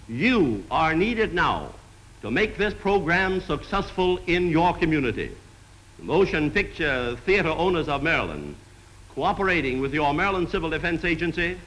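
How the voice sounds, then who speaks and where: A man's voice: on the high side, fairly bright tone, rough recording. A man giving a formal, earnest public address, recorded as old 1950s newsreel film sound. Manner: earnest, declamatory. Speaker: state official addressing citizens.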